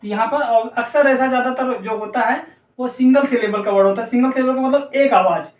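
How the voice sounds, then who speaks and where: A man teaching English pronunciation, slowly spelling words out letter by letter and repeating each point. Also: very high-pitched. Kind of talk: explanatory lesson. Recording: echoey room, mic at a distance.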